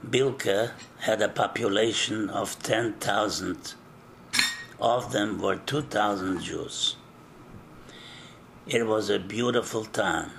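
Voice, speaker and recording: An older man from eastern Czechoslovakia giving an oral history interview, recalling things in a slow, measured way with frequent hesitations. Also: on the low side, vocal fry, fairly bright tone, a little hiss or hum.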